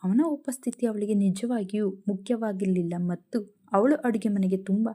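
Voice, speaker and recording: Woman storyteller, mellow warm voice, steady scripted narration. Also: mid-range voice, normal speed.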